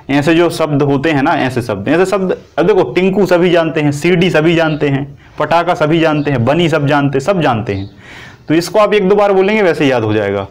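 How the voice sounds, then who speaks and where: Higher-pitched man teaching a class. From India. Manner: repetitive, asks and answers own questions. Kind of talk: coaching class lecture.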